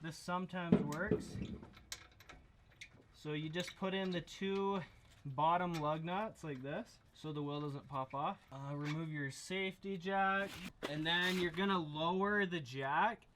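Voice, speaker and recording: A man talks through a brake replacement in a relaxed, joking way, with plenty of "uh"s between steps. His voice sits a bit high for a man. A faint hiss of background noise runs under the recording. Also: a little slow. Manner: relaxed, jokey, with many fillers. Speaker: DIY mechanic demonstrating a brake job. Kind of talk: casual how-to walkthrough.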